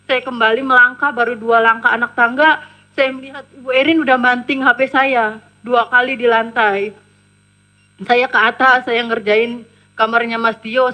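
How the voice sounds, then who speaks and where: Bright-voiced woman telling her story. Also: fairly high pitch, poor audio. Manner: plain step-by-step storytelling, often tags quotes with "kata dia gitu". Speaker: interview guest recounting her case. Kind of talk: personal testimony retold in detail.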